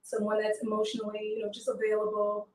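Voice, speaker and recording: Soft-spoken woman, echoey and far off. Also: mid-range voice, monotone, quick pace. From Haiti. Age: 20s. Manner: soft-spoken, hesitant with many fillers. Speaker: show guest seeking a partner. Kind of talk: casual call-in chat.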